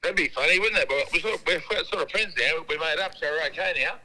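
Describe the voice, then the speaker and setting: A man's voice: fairly high pitch, quick pace, sharp tone. Joking Aussie man on speakerphone. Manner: laddish, joking, easygoing. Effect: heard over a speakerphone call. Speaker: phone guest, former footballer. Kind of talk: casual phone chat.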